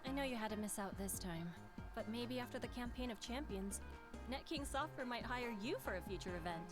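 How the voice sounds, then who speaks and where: Actress: upbeat, encouraging young gamer woman, higher voice. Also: lively intonation, a little fast, music in the background, natural voice. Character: friendly young woman gamer, fire-mage player.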